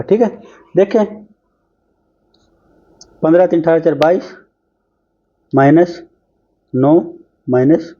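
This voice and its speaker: A man's voice: fairly high pitch, dull audio. A man teaching an exam-prep math lesson, talking chattily while he works through problems on screen. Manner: brisk, chatty, talks while solving on screen.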